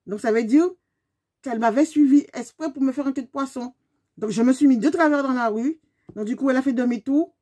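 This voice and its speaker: A woman, telling a story to her viewers in a lively, emphatic way. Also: high-pitched, a little fast. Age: 50s. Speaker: beauty vlogger. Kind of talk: storytime vlog.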